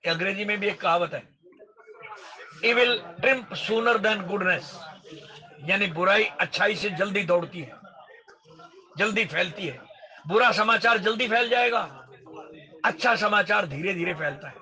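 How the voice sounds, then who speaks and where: A man giving a devotional storytelling sermon, chanting verses slowly and explaining them in lively speech. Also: high-pitched. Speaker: Ram Katha storyteller.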